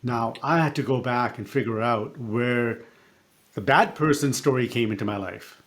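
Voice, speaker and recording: A middle-aged man, a coach and podcast guest, telling a personal story in a reflective, halting way with fillers and restarts. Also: medium pitch, a bit bright. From born in Africa, raised partly in Canada.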